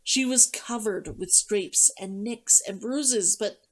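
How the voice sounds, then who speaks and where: A woman reading a novel aloud as a streamer, narrating in an expressive, dramatic storytelling manner. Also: mid-range voice, slow pace. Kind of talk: audiobook-style story narration.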